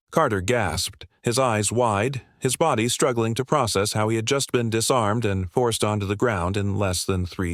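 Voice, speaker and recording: A man reading a scripted dramatic story as narrator, in a steady, even delivery. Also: lowish voice, no echo, clean studio sound.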